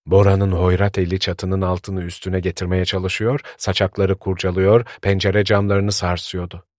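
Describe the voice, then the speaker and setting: A man narrating a story in a calm, measured storytelling voice. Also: low voice, dry recording, clean studio sound.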